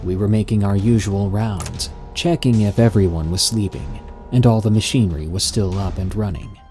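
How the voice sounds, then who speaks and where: A man working at a care home, from the Netherlands, reading a horror story in an earnest, steady manner over music. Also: lowish voice, moderate pace. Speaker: care worker. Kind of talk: scripted horror narration.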